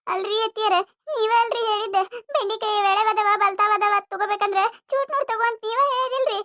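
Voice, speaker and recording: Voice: extremely high pitch, fairly even intonation, fast talker, bright, forceful tone, dry recording, studio quality. A voice actor playing a naive, defensive young village daughter-in-law with a North Karnataka accent in a cartoon comedy. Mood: plaintive.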